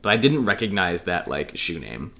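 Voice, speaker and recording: A man's voice: sits low, sing-song, moderate pace, gravelly, pushed and bright. Laid-back, swearing male podcast host. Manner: laughing, profane, rambling storyteller. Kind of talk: casual chat.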